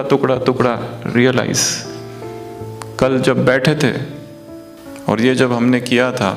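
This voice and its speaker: A man teaching meditation in a spiritual talk, speaking slowly and repeating his phrases, often putting questions to his listeners. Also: medium pitch. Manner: slow, repetitive, chanting phrases.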